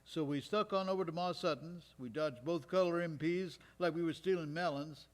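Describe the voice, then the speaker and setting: Close to an everyday voice, this man's delivery is fairly high-pitched at normal speed. Recorded live on stage in a recreation hall, the actor plays a World War II veteran from Georgia, sharing memories in a wry, folksy, conversational storytelling monologue.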